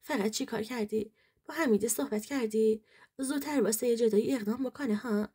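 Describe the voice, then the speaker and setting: A woman reading a selfish husband in a story, sounding flat and dismissive. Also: fairly high pitch, husky. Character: cold, selfish husband emigrating abroad.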